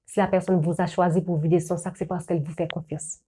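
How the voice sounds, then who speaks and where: A woman's voice: lowish voice, flat delivery, quick pace, warm tone, breathy edge. A young adult woman giving earnest, lecturing advice straight to her viewers, often repeating words and restarting. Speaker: video creator giving life advice. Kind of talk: direct-to-camera advice talk.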